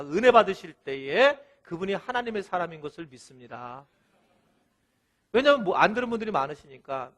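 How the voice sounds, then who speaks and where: A male pastor delivering a sermon in an animated, storytelling way, acting out quoted lines, with a thin, light voice. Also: sits high.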